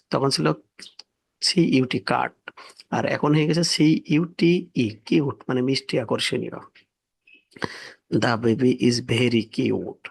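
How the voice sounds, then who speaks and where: A man's voice: mid-range voice, creaky, husky. A man giving a spoken language lesson, spelling words out letter by letter and repeating each one carefully. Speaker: English teacher.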